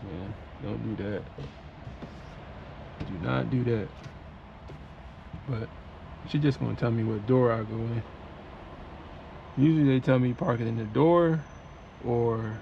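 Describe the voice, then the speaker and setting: A truck-driving man talks casually to his camera, laid-back and full of slang. His voice has a gravelly, fried edge. The cab is noisy, with engine and road ambience behind him. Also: mid-range voice, highs cut off. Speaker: truck driver. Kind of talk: casual vlog talk to camera. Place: inside a truck cab at a warehouse.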